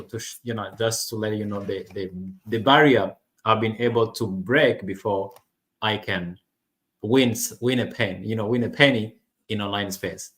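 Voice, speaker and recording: Fairly low in pitch and a bit bright, this man's voice belongs to an online business vlogger from Rwanda. English isn't his native tongue, and his casual personal talk to camera has many fillers and restarts.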